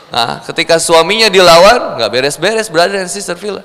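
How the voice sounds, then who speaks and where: A man's voice: high voice, expressive, fairly quick, vocal fry, a bit bright. A male preacher with a Sundanese accent giving a humorous sermon, playful and acting out everyday scenes. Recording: long hall reverb.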